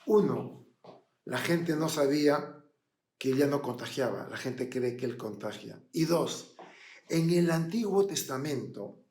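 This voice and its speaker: Dramatic preacher in a roomy hall. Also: male voice, on the high side. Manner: dramatic storytelling, swinging from hushed to loud. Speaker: pastor. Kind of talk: sermon. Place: church.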